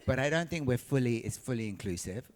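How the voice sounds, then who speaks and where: A man's voice: mid-range voice, lively intonation, a little fast, darkish tone. A man from Tanzania, a recording artist on a panel, telling his story earnestly and repeating phrases for emphasis. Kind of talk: panel discussion, personal storytelling.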